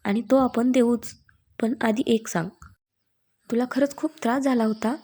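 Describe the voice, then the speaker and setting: A woman voicing a young man, a gentle, teasing fiancé, speaking lower than her own voice. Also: fairly even intonation, moderate pace, lightly acted. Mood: affectionate. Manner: affectionate, playful teasing.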